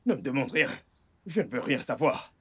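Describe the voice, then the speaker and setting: A man's voice: medium pitch, sing-song, normal speed, a bit bright, breathy edge, heavily acted. A man dubbing an irritable, impatient partner. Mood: dismissive. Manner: exasperated, scolding. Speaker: dub actor. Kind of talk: French film dubbing.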